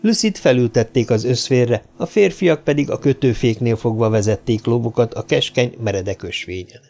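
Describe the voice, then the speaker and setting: Measured male audiobook narrator. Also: medium pitch, a little mellow. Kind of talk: scripted narration.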